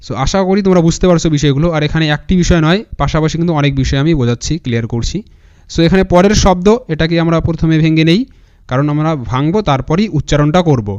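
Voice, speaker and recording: A high-pitched, clear-voiced man with a Bengali accent teaches pronunciation, breaking each word into letters and saying it again and again. The recording is slightly dull and lo-fi. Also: a little mellow. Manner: spells words letter by letter and repeats them slowly. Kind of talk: spoken lesson.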